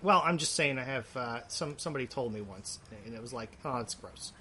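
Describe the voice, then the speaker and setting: A man's voice: medium pitch, animated, brisk, sharp tone, a little hiss or hum. Guy doing a chatty old brass dragon, rambly and fussy, voice jumps all over. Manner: rambling, fussy, easily offended.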